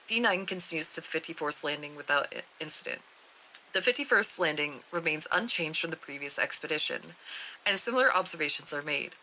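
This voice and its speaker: A young woman streamer reading a horror article aloud, steady with small stumbles. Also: low-pitched, a little fast, slight background noise, rough recording.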